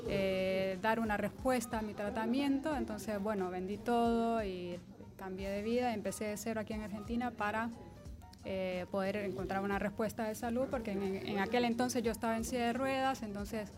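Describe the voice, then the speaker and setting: A woman from Honduras, giving an earnest personal testimony, slow and with fillers. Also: medium pitch, steady tone, over music. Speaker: university community member interviewed.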